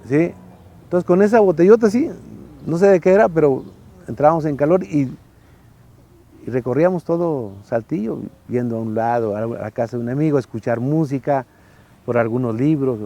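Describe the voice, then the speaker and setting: A man's voice: on the high side, moderate pace, dark tone. A Mexican man in his sixties with a Mexican accent, telling colloquial anecdotes in an interview with frequent tag questions. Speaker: interviewee, architect and former faculty director. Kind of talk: casual interview storytelling.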